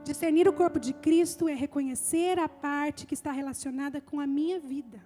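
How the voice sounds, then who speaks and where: Very high-voiced woman pastor preaching. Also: fairly even intonation, fairly quick, warm tone, faint music behind. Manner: emphatic, building repeated phrases. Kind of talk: live church sermon. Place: church service.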